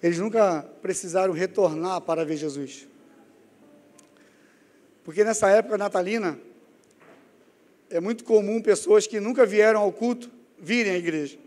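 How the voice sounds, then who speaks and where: High-voiced male preacher in a reverberant church. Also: normal speed, pauses often, darkish tone. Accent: Brazilian Portuguese. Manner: storytelling, emotional, calls to the congregation. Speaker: evangelist preacher. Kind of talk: sermon. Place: church sanctuary. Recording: long church hall reverb.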